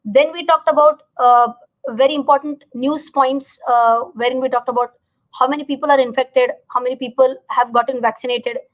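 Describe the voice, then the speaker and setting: A woman with an Indian accent speaks in a noticeably high voice. She explains things informally as a live-stream finance educator, stressing points through repetition and pausing to check that everyone understands. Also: fairly even intonation, muffled recording. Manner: teacherly, checks understanding, repeats words for emphasis.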